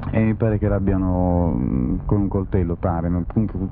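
A thin, band-limited old radio recording carries the very low voice of a man. He hosts a live phone-in and speaks haltingly, searching for words, with clear noise behind him. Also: animated, narrow, tinny audio. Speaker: radio host.

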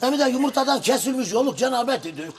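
Casting: gullible blustering shadow-play man, extremely high voice, folksy grumbling, distant recording over a crowd. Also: lively intonation, quick pace. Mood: indignant. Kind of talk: Turkish shadow-puppet comedy performance. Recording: distant live performance with crowd noise.

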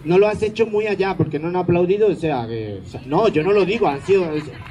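A man's voice: high-pitched, lively intonation, quick pace, warm tone, highs cut off, a little hiss or hum. A man doing stage comedy, teasing the audience in a sarcastic, mock-grumpy way.

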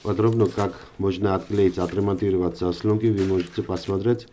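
Male host, low and mellow, plain how-to voice-over for a car repair tutorial. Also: steady tone, brisk, a little hiss or hum.

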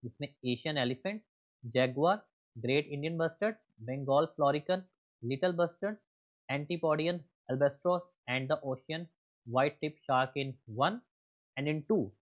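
Guy teaching exam prep off slides, reads real slow then explains, tinny phone-like sound. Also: on the high side. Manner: reads slide text slowly, then explains in quick Hindi asides, checks "clear?". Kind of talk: slide lecture mixing Hindi and English. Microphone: voice-over on screen recording.

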